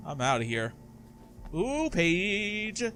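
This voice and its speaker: Casting: male let's play host, bright and very animated, jokey casual commentary. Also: sits high, extremely slow, faint music behind. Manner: jokey, reacting aloud, mutters as he reads.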